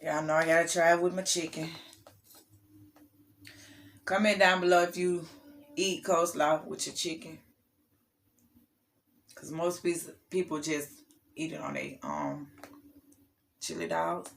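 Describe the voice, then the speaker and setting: A woman's voice: low voice, lively intonation, measured pace, vocal fry, pauses often, a little hiss or hum. A woman hosting a casual food tasting vlog, chatting to viewers while she eats and laughing often. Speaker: food vlogger.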